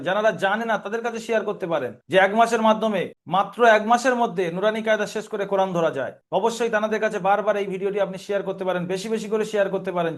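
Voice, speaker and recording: High-voiced man teaching Quran reading. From Bengal region of India. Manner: patient, step-by-step drilling, asks and answers himself. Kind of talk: online lesson.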